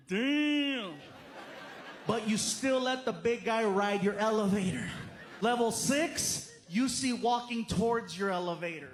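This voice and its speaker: A man in his thirties doing a stand-up comedy set in a theater, telling animated stories and slipping into character voices. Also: high-pitched, a little hiss or hum. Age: 30s. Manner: animated storytelling, slips into character voices and bits of Spanish. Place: theater stage with a laughing audience.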